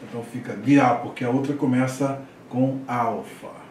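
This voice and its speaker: A man's voice: medium pitch, steady tone, normal speed, a little mellow, a little hiss or hum. A man teaching a class, explaining step by step and often checking in with the students. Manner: explanatory, frequent "tá?" checks, hesitant restarts. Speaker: Greek teacher. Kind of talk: classroom lecture. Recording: echoey room, voice from far off.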